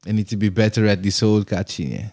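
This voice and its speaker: A man co-hosting a podcast, talking in a casual, animated way, swearing and dropping English phrases. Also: fairly low pitch, a little fast. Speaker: podcast co-host. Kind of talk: casual chat.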